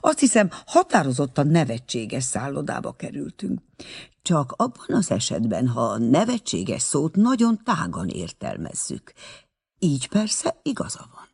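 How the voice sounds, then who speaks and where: A man's voice: on the high side, wildly swooping pitch, gravelly, breathy edge, heavily acted. A man voicing a friendly young man who speaks courteously and teasingly. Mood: cheerful.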